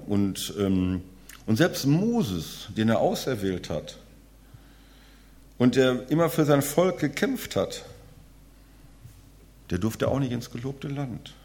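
A man's voice: lowish voice, darkish tone. A man preaching a sermon in a conversational way, often checking in with his listeners with short tag questions. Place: church.

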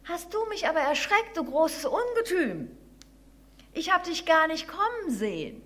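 A tiny, nimble storybook mouse with a high, squeaky voice, full of eager delight, as a woman reading aloud puts her on. She pipes well above the storyteller's own pitch. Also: sing-song, unhurried, full character voice. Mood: startled. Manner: squeaky and bright, enthusiastic. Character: small, cheerful, quick female mouse.

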